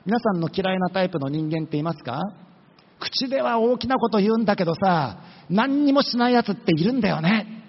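A man's voice: high voice, lively intonation, a little fast, breathy edge. A man preaching a sermon in a casual, conversational way, asking the listeners questions and acting out the words of the people in his story. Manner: conversational, acts out quoted voices, rhetorical questions. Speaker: pastor. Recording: dull lo-fi recording with long hall reverb.

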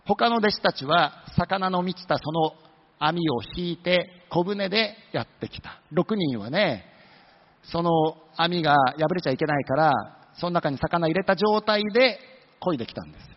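Man, pastor, sermon, high animated voice, husky, long reverb, dull lo-fi sound. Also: normal speed. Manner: lively storytelling with asides and humor.

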